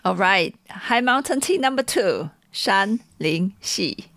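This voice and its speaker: Animated Taiwanese woman chatting about tea. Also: mid-range voice, slow, a little hiss or hum. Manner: animated, giggly storyteller. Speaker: tea seller. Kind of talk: casual tea tasting chat.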